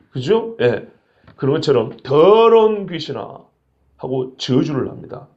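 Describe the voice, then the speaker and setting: A male pastor preaching an expository sermon, acting out quoted lines with sudden shouts. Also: on the high side, muffled recording.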